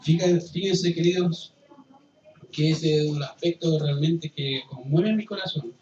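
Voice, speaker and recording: Pastor guy preaching, high voice, gets loud then goes real quiet, roomy hall sound from far off. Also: measured pace. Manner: impassioned, swings from loud pleading to hushed. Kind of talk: sermon. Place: church hall. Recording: roomy, distant, dull church recording with faint ambience.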